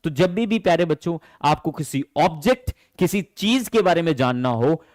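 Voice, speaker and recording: Male online tutor, lively and fond with students; a touch high-pitched, dry and close on the mic. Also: moderate pace, no echo. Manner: animated, affectionate, calls students "my dear children". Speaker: English teacher. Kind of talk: online class in Hindi. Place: teaching from home.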